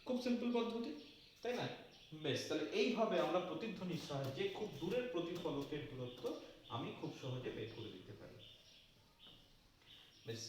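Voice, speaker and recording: A male physics teacher talks his class through a problem one step at a time, stopping to ask whether they follow. His voice sits high, and it sounds heavily echoey, picked up from a distance. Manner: explains step by step, asks "তাই না?" to check understanding. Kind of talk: classroom lecture. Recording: very echoey room, distant mic, faint noise.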